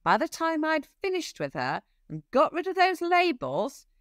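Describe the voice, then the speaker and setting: A middle-aged woman, an equine behaviour expert, talking casually in an interview, animated and acting out little dialogues with frequent restarts. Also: high-pitched, normal speed, no room sound. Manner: animated, acts out quoted dialogue, many restarts.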